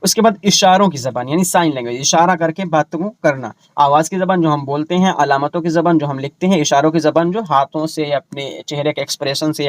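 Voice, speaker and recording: In this online exam-prep lesson, a man whose voice sits on the high side slowly explains terminology, restating each term in English and asking his students rhetorical questions. There's no room sound at all.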